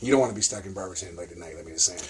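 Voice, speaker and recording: A man's voice: sits low, very fast, very noisy. A man hosting a podcast, telling a rambling story with plenty of swearing. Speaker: podcast host. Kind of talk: casual storytelling chat.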